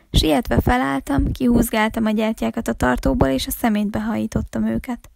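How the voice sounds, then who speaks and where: A woman reading a novel aloud for a library, with calm, steady storytelling. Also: on the high side, creaky, no room sound, studio quality. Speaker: library reader.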